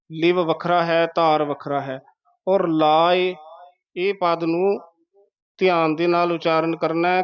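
A man giving a slow, patient pronunciation lesson, breaking words into syllables. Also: on the high side, clear, resonant tone, dry recording, muffled recording. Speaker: teacher of scripture pronunciation.

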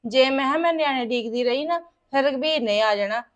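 A woman playing a fed-up married daughter, high voice. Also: natural voice. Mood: venting. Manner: aggrieved, rapid complaining. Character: married daughter venting about her in-laws. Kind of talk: domestic web drama acting.

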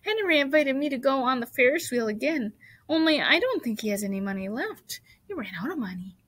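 An eager young girl from a farm storybook, read by a grown woman. She is excitable and pleading, with a fairly high voice. The sound is dry and close. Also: brisk, dry recording.

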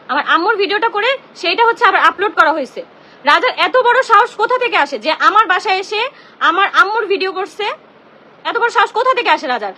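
A young woman speaks into her phone on a live stream from home. Her voice sits very high and sounds bright and tense. She talks fast and hammers the same grievances again and again. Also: slight background noise. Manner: indignant, confrontational, repeats herself. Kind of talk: emotional live-stream rant.

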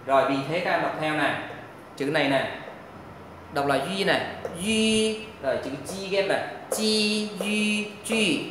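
A man's voice: fairly high pitch, lively intonation, a little fast, pauses often, fairly bright tone. A male Vietnamese-accented language teacher leading a pronunciation lesson, patiently drawing out model syllables for students to repeat. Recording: very echoey room, faint noise.

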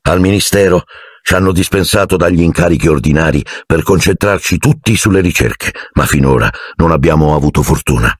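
A man's voice: deep voice, brisk, husky, dry recording, studio quality. A man voicing a harried middle-aged wizard father who talks in a grave, weary tone. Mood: serious.

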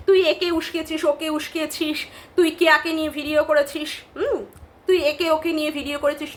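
A woman's voice: sits high, pushed and bright. A woman vlogger with a Bengali accent delivering a confrontational, scolding rant to camera, repeating her points.

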